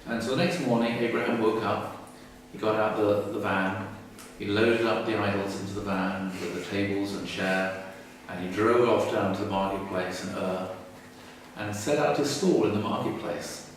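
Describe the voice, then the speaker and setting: Low-voiced man telling a story in an echoey room. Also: steady tone, normal speed, slight background noise. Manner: casual, humorous retelling. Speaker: religious teacher. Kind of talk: storytelling lecture. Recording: echoey room, far from mic.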